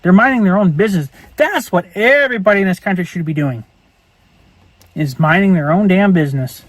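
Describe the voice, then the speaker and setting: A man's voice: high-pitched, brisk, no room sound, low-quality recording. A man ranting angrily and profanely in a casual vlog monologue, repeating himself as he goes. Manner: angry, profane, repetitive ranting. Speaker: vlogger.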